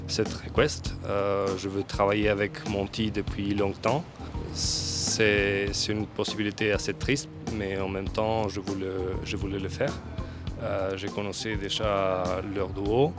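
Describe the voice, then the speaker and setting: A man, a circus artist slowly searching for his words in an interview. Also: on the low side, flat delivery. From Argentina. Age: 30s. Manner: slow, searching for French words. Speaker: aerial cradle artist. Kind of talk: interview testimony. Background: guitar music.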